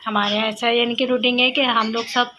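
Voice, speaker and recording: A woman's voice: a little high, level tone, fairly quick. A young woman with a sore throat, chatting casually while cooking at home for her family vlog, rambling with many fillers. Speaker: family vlogger. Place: home kitchen. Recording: loud background noise.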